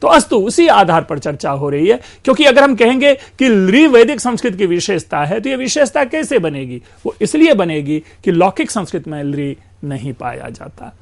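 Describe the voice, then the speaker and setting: A male lecturer with a fairly high voice explains grammar patiently, stretching out example sounds and switching into English phrases now and then. He talks to his students as friends in a steady, academic lecture. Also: vocal fry. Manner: explains slowly, drawing out sounds and mixing in English; addresses listeners as friends.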